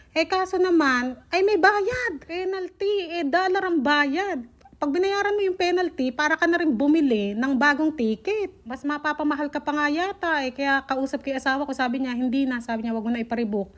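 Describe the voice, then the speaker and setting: High-pitched young woman from the philippines telling a story to her viewers, animated, acts out what people said. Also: a little fast.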